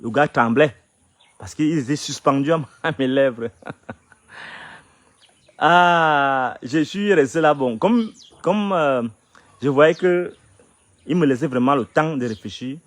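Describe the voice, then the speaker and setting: A middle-aged man with a Cameroonian French accent telling a story in an interview, swinging between loud indignation and quiet asides. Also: fairly high pitch, takes it slowly, pauses often, no echo. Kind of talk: animated storytelling.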